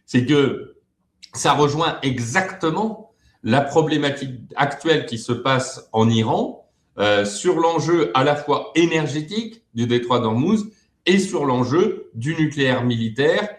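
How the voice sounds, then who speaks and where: A man's voice: mid-range voice, lively intonation, unhurried, echoey room. A man talking as a guest expert in an interview, hesitant, with many fillers and repeated words. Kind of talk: web TV interview.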